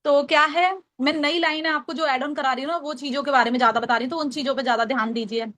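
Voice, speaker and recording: High-voiced Hindi woman coaching phone calls. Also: steady tone, quick pace, fairly bright tone. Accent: Hindi, from Agra, Uttar Pradesh. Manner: explains step by step, repeats lines for note-taking. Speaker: trainer teaching call scripts. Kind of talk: casual training talk with role-played calls.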